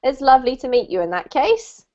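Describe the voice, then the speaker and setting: A woman's voice: sits high, big pitch swings, fairly quick, mellow, highs cut off. A woman teaching a live online English class, chatty and speaking straight to her students over a video call.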